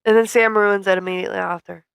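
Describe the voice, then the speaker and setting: Wry woman with a gravelly edge. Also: mid-range voice, fairly even intonation, fast talker, dry recording. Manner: wry, teasing, sarcastic asides. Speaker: podcast co-host. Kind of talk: casual movie review chat.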